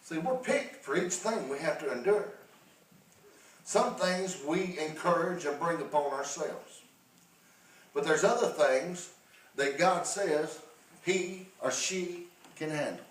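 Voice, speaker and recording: A man preaching a sermon in a church, rising to fervent shouting with drawled fillers. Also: fairly high pitch, takes it slowly. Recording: echoey room heard from a distance.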